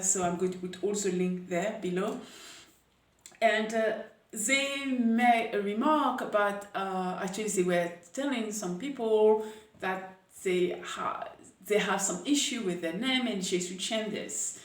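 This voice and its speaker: A woman from Paris, hosting a casual coffee chat and talking with many hesitant pauses. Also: medium pitch, fairly even intonation. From Paris, France. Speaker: coffee camp host. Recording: echoey room, voice a bit far from mic.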